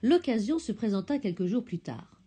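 A woman narrating a children's storybook, expressive and gentle. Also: on the high side, normal speed, breathy edge.

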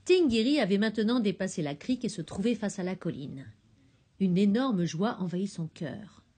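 A woman narrating a children's storybook, expressive and gentle. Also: mid-range voice, moderate pace, breathy edge.

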